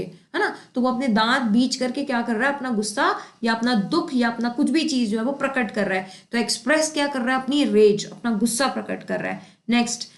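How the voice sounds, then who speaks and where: A woman teaching English idioms for exam preparation. She explains with memory tricks, asks questions and answers them herself, and keeps adding tag questions. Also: sits high. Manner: often adds tag questions like "है ना". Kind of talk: exam-prep idiom lesson. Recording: echoey room.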